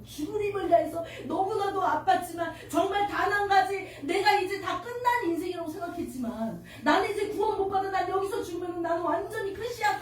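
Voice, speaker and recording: A woman's voice: high voice, a little mellow, a little hiss or hum. A woman pastor giving an emotional sermon to a children's congregation, asking them questions. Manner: emotional, tearful at moments, addresses congregation with questions. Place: church sanctuary. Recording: echoey church hall from far off.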